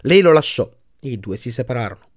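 A man reading an audiobook aloud, narrating in a measured, soft-spoken storytelling manner. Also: mid-range voice, very animated.

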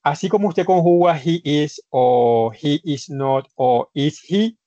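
A man's voice: fairly high pitch, slow, warm tone, dry recording, dull audio. A man with a Colombian Spanish accent teaching an online English class. He explains grammar step by step, repeats his points and addresses the students formally.

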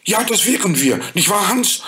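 Ein Mann spricht in einer Märchenlesung zwei Kinder, einen Jungen und ein Mädchen, mit hoher, lauter Stimme, empört und eifrig. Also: male voice, big pitch swings, normal speed, a little hiss or hum, full character voice. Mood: eager. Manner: high, loud, indignant. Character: children, a boy and a girl, upset and eager.

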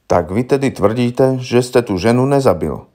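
A man's voice: medium pitch, animated, mellow, close to an everyday voice. A man voicing a young, naive defense lawyer who speaks formally and patiently, explaining things to his client. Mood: earnest.

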